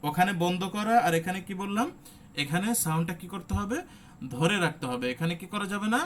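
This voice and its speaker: A man's voice: sits high, brisk, a bit bright, slight background noise. A man teaching an online Quran recitation class, explaining step by step and sounding out letters as examples. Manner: asks the listeners rhetorical check questions.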